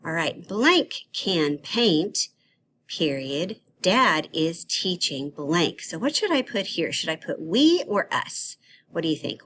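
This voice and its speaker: A woman's voice: on the low side, fairly bright tone, slight background noise. A woman teaching a grammar lesson to young children, asking playful questions and praising their answers. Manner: slow, encouraging, sing-song questions to young kids.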